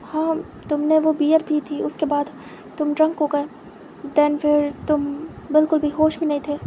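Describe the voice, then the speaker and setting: A woman voicing a calm, reserved young man in love, speaking softly and quietly. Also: high-pitched, a little slow, a little hiss or hum. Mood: calm, gentle. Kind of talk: storytelling fan fiction aloud.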